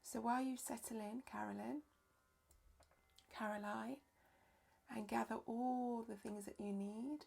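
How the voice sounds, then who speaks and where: A woman leading a live-streamed yoga nidra session as teacher and therapist, speaking softly and slowly, often dropping into a whisper. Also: fairly high pitch, fairly even intonation, gravelly. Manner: soft, slow, often whispered delivery. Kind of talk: live-streamed guided relaxation instruction.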